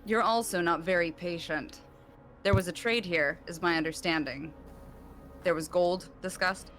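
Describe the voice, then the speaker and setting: A woman playing a tabletop game character, asking probing questions in a casual, quick-to-laugh way. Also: on the low side, fairly bright tone, faint music behind. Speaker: player.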